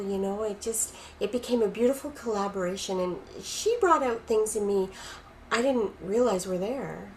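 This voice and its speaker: A woman's voice: mid-range voice, a little hiss or hum, rough recording. Storytelling middle-aged woman from Canada. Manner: vivid, acts out quoted dialogue. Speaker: guest. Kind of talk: personal storytelling.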